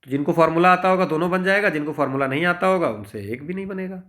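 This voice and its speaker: With an Indian accent and a fairly high, slightly bright voice, this maths teacher moves quickly through an informal lesson. He explains each problem step by step and keeps tossing in little tags to make sure the listener is following.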